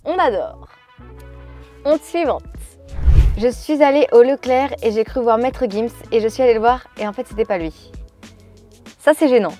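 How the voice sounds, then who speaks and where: A woman vlogger chatting casually, reading out viewers' stories and reacting to each one in an animated way. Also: on the high side, normal speed, faint music behind.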